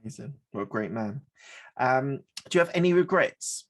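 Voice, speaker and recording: A man's voice: medium pitch, lively intonation, normal speed. A man hosting an interview podcast, talking in an easygoing, hesitant way with many "sort of"s. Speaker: podcast host. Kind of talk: interview host.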